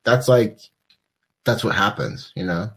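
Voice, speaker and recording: A man's voice: lowish voice, a little slow, a bit bright, slight background noise. A young man co-hosting a podcast in casual chat, rambling, joking and laughing often. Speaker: podcast co-host.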